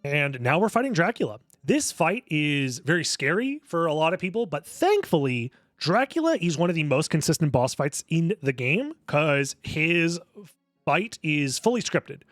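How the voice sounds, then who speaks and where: Higher-voiced man, speedrunner commentary over music. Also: sing-song, moderate pace, fairly bright tone, dry recording, clean studio sound. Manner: analytical, step-by-step explaining. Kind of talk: casual explanatory speedrun commentary. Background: music under the voice.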